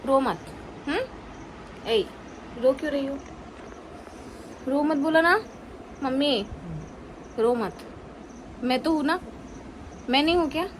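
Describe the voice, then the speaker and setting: A young woman chatting casually in a family vlog, gently coaxing and asking the same things again and again. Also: sits high, takes it slowly, long pauses, slight background noise, poor audio. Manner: coaxing, tender, repeats questions. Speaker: vlogger.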